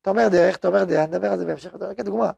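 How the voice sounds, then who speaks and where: A fairly high-pitched man with an Israeli accent, gravelly and husky, teaching an informal religious class. He acts out both voices of short exchanges and asks the room questions as he goes. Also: darkish tone. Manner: acts out both sides of dialogues, talks to the room. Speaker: yeshiva rabbi teaching a class. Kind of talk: informal Torah lesson to students.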